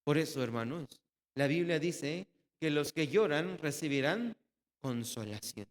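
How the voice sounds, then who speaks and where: A man's voice: expressive, a little slow. Preacher man in an echoing hall. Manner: asks the congregation questions and answers them himself; drops low and soft at the ends of phrases. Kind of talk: sermon. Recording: long reverb in a hall.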